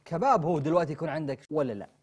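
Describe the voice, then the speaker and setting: A man's voice: fairly high pitch, expressive, rapid-fire, husky. A young Saudi man hosting a comedy sketch, insistent and exasperated, repeating himself as he presses his point. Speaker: comedy show host. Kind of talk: comic sketch dialogue.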